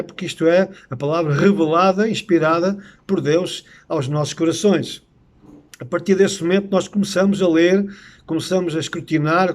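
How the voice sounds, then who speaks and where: Earnest European Portuguese man teaching. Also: a little high. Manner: earnest, with frequent hesitant "eh" fillers. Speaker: Bible teacher. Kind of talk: unscripted teaching talk on prophecy.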